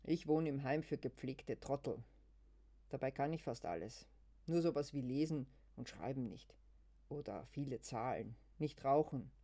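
A feisty young woman from a care home, as a reader puts her on, blunt and loud, with short, broken sentences. She throws cheeky insults in a raised, excited voice as the story is read aloud. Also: medium pitch, normal speed, natural voice. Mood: chatty.

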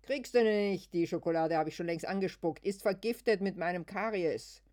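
Reader doing a cheeky young care-home woman, loud and blunt, choppy short sentences. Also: mid-range voice, lively intonation, moderate pace. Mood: scolding.

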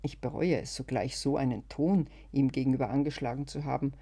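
A first-person storyteller reading in a calm, measured way. The voice is mellow and dark at a middle pitch. Every description is laid out steadily. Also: husky. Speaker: narrator.

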